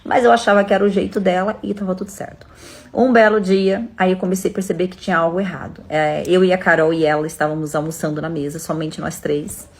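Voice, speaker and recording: Uma mulher brasileira de meia-idade conta uma história pessoal para a câmera, falando depressa e chamando os seguidores de "gente". A voz é um pouco grave, e ela conversa de forma descontraída e próxima. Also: female voice, on the low side, flat delivery, fast. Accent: Brazilian Portuguese. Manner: chatty, addresses viewers directly. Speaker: storyteller vlogger. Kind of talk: casual storytelling to camera.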